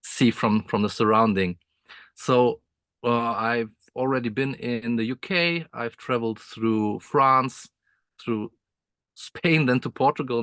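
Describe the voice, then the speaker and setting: A man's voice: medium pitch, a bit bright, no room sound. A man from Croatia, talking as the guest composer on a video call from inside his motorhome, friendly, with frequent laughs and restarts. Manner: friendly, laughs often, many restarts and fillers. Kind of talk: casual interview chat.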